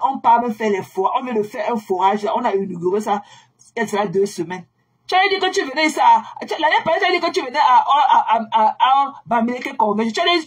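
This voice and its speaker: A scornful woman with a husky, fairly high voice speaks as an online commentator, aiming an insulting rant at a rival. She mocks, repeats herself, and drawls her words out to sneer.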